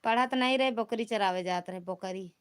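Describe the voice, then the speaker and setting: A woman's voice: medium pitch, normal speed, smooth. A woman with an Awadhi accent hosting a casual live stream, bantering with viewers in a teasing, rustic way. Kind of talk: casual live chat reading comments.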